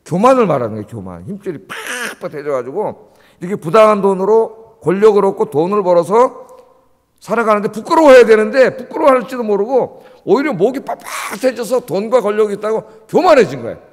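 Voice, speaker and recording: A man's voice: sits high, very animated, brisk. A man preaching an early-morning sermon in a church, emphatic, firing rhetorical questions at the congregation. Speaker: pastor. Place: church sanctuary. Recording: long church reverb.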